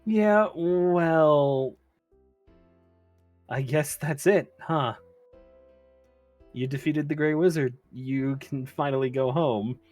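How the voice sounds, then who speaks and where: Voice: medium pitch, slow, pauses often, darkish tone, dry recording, faint music behind. A narrator giving a dramatic first-person reading of a romance story, with casual asides.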